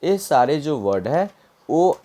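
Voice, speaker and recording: A man's voice: a little high, big pitch swings, slow, mellow. A man teaching English vocabulary for exams, repeating each word and spelling it out letter by letter, with frequent fillers. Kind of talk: exam-prep lesson in Hindi mixed with English.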